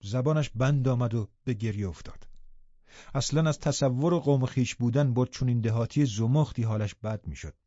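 A man narrating a novel as an audiobook with expressive, measured reading. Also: medium pitch, dry recording, highs cut off. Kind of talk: scripted storybook narration.

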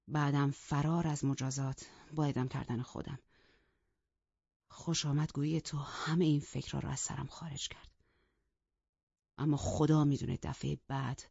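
A woman voicing a brooding, cold young man who speaks quietly and evenly, in a dull, lo-fi recording. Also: gravelly, breathy edge, no echo, heavily acted. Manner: quiet, low, measured. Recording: dull lo-fi, dry.

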